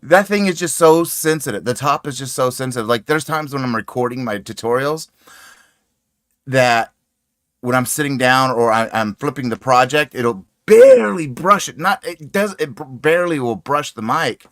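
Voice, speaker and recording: A man chats through a crochet livestream, calling viewers sweetie and laughing between greetings. His voice sits at a middle pitch. The desk mic gives a dry, close sound with no room around it. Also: animated, moderate pace, dry recording. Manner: chatty, greets viewers warmly, laughs often. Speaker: crochet channel host. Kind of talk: casual livestream chat. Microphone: desk microphone.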